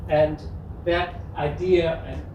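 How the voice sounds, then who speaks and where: A woman's voice: low voice, little pitch movement, takes it slowly, mellow, highs cut off. A woman from Switzerland giving a live presentation, earnest and personal, with a few restarts. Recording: echoey room, distant mic, noise.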